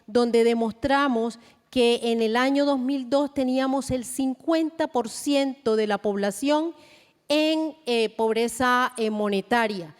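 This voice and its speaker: A Colombian woman speaking at a conference panel, measured and deliberate with frequent hesitations. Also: fairly high pitch. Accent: Colombian Spanish. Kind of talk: conference presentation. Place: large conference hall. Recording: long hall reverb.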